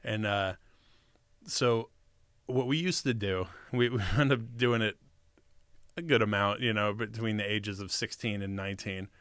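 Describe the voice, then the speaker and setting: A man's voice: fairly low pitch, steady tone, a little slow, fairly bright tone, clear, resonant tone, no echo. A man in a casual interview, telling stories as the guest in a rambling, profane, slangy way. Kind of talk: casual chat, storytelling.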